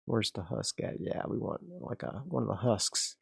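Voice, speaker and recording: Setting up his next area in a solo tabletop game, a man narrates casually and thinks out loud, relaxed and rambling, often restarting his sentences. His fairly low voice moves at normal speed with vocal fry and a breathy edge, captured in a clean studio with no room sound.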